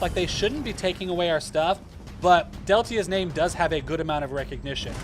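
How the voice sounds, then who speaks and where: A male gaming streamer with a fairly high voice talks casually into his mic and rambles through answers to chat. Game music plays clearly behind him. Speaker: gaming livestream host.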